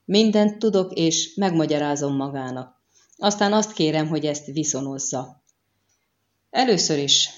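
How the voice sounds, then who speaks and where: A woman's voice: deep voice, muffled recording, close to an everyday voice. A woman playing a cold, contemptuous prefect. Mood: explaining. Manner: contemptuous, measured, authoritative. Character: cold calculating male prefect, middle-aged, stern. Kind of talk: audiobook character reading.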